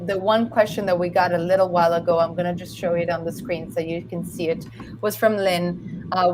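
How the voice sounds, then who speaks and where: A woman moderating an online talk in a polite, appreciative manner. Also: on the low side. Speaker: host, moderator. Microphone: video call. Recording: video call with clear background noise.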